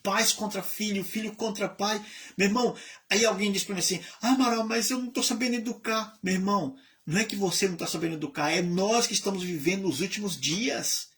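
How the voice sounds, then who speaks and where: A man's voice: high-pitched, fairly quick. A man in his fifties from Bahia, Brazil, an evangelist chaplain telling his life story in a conversational sermon, acting out the voices of people in it. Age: 50s. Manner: conversational preaching, lively storytelling with quoted voices. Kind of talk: sermon testimony.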